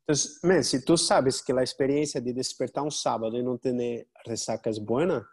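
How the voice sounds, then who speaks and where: A man's voice: medium pitch, normal speed, a little mellow, breathy edge. Man speaking Spanish with a Portuguese mix. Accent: Portuguese-tinged Spanish. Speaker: podcast guest, jiu-jitsu gym owner. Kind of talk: casual interview chat.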